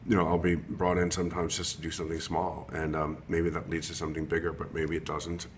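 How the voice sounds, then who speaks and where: A man in his fifties with a low voice talks haltingly into a computer webcam, stopping for ums and restarting his sentences as he goes. It is an unrehearsed self-recorded introduction, with a faint hiss of noise behind him. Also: completely flat delivery. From Long Island, New York. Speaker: interior designer.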